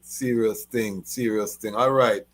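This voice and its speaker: A man hosts a podcast interview and asks his questions in a relaxed, conversational way. He uses Rasta phrasing throughout, at an ordinary pitch for a man. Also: a little slow. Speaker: podcast host.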